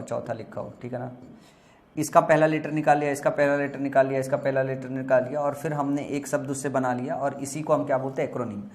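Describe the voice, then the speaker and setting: A native Hindi speaker with a mid-range, slightly mellow voice teaches exam vocabulary, and the recording sounds reverberant. His explanations are slow, with words repeated and spelled letter by letter.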